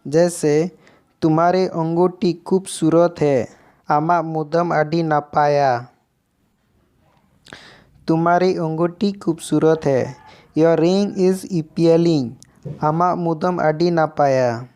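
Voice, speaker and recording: Slow, clear-voiced English teacher. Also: medium pitch. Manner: says English example sentences very slowly, word by word; steady, methodical explaining. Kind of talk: vocabulary lesson.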